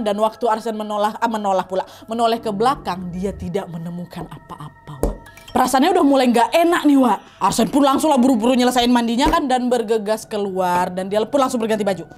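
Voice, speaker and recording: A woman, chatty and expressive as she narrates a horror story and talks straight to her listeners. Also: high voice.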